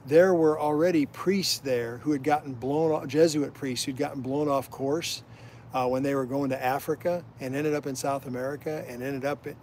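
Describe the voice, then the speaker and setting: On his child's fishing livestream beside a canal, the host's father, a middle-aged Iowan, reads out viewer comments and spins meandering history tales, a folksy guest storyteller prone to tangents. His voice is a little high and a little mellow, with slight background noise.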